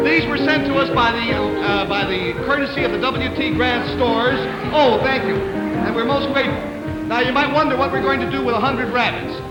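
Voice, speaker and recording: A man hosting a live 1950s TV broadcast game show, genial and rambling with frequent hesitations. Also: very high voice. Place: TV studio stage with live audience. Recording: old 1950s TV broadcast, echoey studio hall, loud audience and music.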